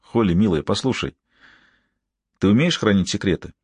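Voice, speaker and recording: A man voicing a soft-spoken, manipulative man who calmly coaxes his young niece into keeping a secret. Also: fairly low pitch, normal speed, slightly rough, no echo. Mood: coaxing. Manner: soft, calm and coaxing.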